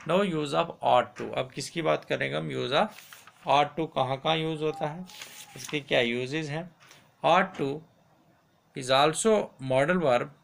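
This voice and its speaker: Gravelly male teacher dictating grammar. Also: a little high, slight background noise. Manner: repeats each example sentence slowly, switches to Hindi to explain. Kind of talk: grammar lesson, read aloud and repeated.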